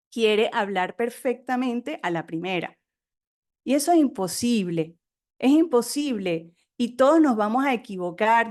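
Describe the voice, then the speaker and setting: A middle-aged woman, a native Spanish speaker, being interviewed as an author on a podcast, telling stories in a talkative, animated way. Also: a little high. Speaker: guest author.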